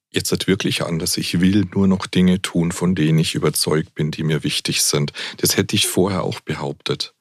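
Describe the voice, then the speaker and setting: A man's voice: low voice, no echo, clean studio sound. A man who is a Jesuit priest, speaking as a guest in a frank, outspoken and thoughtful way, with occasional fillers. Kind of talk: reflective conversation.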